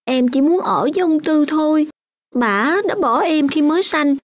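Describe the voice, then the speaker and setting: A woman plays a young orphan girl in a radio play, her voice pitched high. She speaks with stubborn, hurt insistence. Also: normal speed, natural voice. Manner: sulky, tearful insistence. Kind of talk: radio drama acting.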